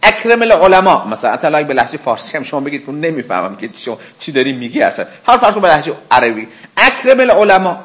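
A man's voice: mid-range voice, very animated, few pauses, fairly bright tone. A man teaching a religious seminary lesson, who acts out questions and answers with imagined speakers and asks his listeners rhetorical questions. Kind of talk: spoken lecture.

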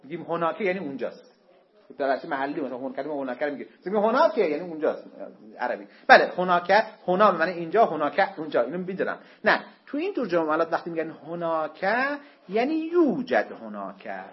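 A man's voice: a little high, sing-song. A man teaching a seminary class on Islamic law, emphatic, with joking asides to his students. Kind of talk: classroom lecture on Islamic jurisprudence. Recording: dull lo-fi classroom recording.

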